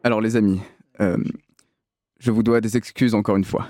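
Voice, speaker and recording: A man's voice: on the low side, fairly even intonation, normal speed, noisy background. A man delivering a film review column in a hammy, mock-dramatic comic style.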